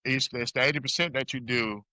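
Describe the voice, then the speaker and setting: A man's voice: medium pitch, steady tone, fairly quick, dry recording. Laid-back Southern rapper man in his thirties. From South Carolina. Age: 30s. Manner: laid-back, repeats words, lots of shout-outs. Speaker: guest rapper. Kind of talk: casual interview chat.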